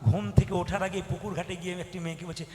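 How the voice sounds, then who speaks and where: A man preaching a devotional kirtan sermon on a stage microphone, animated and exhorting, sometimes rising to loud exclamations. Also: high voice, quick pace. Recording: echoey hall with faint music.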